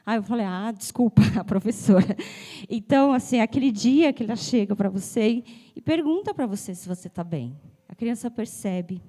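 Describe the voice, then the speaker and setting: A woman's voice: fairly high pitch, dark tone. A woman giving a conversational talk to an audience at a symposium, slightly breathless and nasal from a cold, often checking in with "né?". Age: adult with a child. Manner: chatty, addresses the audience directly with frequent "né?". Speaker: speaker at a symposium.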